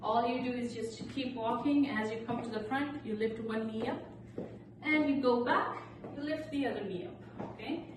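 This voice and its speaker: A woman's voice: fairly high pitch, moderate pace. A woman leading exercise as an aerobics instructor, cueing and counting out moves with short, encouraging instructions. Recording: echoey, noisy room, distant microphone.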